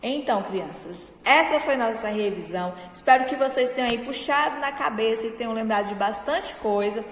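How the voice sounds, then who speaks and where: Woman teacher, slightly high voice, slow and encouraging with kids, room echoes a lot. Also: slight background noise. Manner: slow, patient, encouraging, checks understanding with "certo?". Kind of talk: recorded review lesson for children. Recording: echoey room with long reverb.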